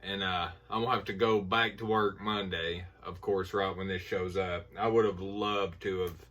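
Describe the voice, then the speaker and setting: Low-voiced man with Appalachian hillbilly accent. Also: fairly even intonation, moderate pace, fairly bright tone. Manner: folksy, informal. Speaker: movie collector showing a haul. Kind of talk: casual rambling haul vlog. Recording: voice distant from the mic.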